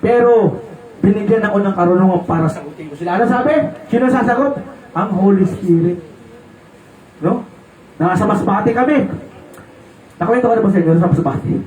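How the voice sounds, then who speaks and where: A Filipino preacher delivering an animated sermon, moving from quiet storytelling to loud exclamations. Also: male voice, high voice, a little fast, long pauses. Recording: echoey room, mic from a distance.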